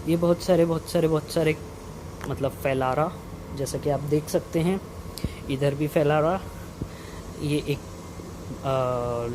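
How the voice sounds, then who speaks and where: Wearing a face mask that slightly muffles his fairly high voice, a young adult lab researcher vlogs a casual tour of his indoor lab. English technical terms slip informally into his speech. Running equipment and air conditioning create a clear hum behind him.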